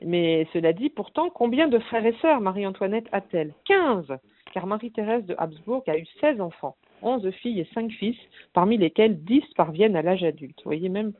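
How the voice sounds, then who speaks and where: A book reviewer and blogger chats casually by phone on a radio show about books, with many fillers and restarts. Her medium-pitched voice has lively intonation and a moderate pace, with phone-line sound and no echo.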